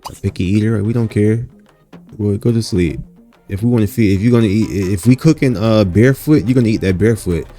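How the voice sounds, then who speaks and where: A man's voice: fairly low pitch, brisk, warm tone, soft background music. A man giving casual, rambling gameplay commentary, talking to his viewers as "you guys" and filling his talk with "you know" and "um". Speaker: gaming channel host.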